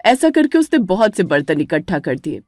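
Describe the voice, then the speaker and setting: A woman narrating a family drama story with lively storytelling. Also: lowish voice, normal speed, dry recording, clean studio sound, soft background music. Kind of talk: scripted narration.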